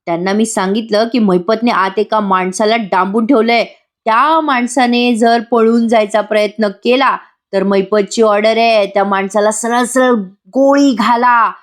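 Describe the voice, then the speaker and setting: A woman's voice: fairly high pitch, steady tone, moderate pace, lightly acted. A woman reading the lines of a scheming male crook in a serial recap, taunting him in a mocking voice. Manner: taunting, mock-worried voice.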